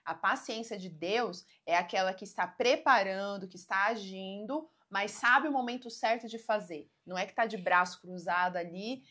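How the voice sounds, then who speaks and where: A woman's voice: medium pitch, normal speed, few pauses, bright, forceful tone. A Brazilian woman speaking as a podcast co-host in an informal Bible discussion, explaining things conversationally.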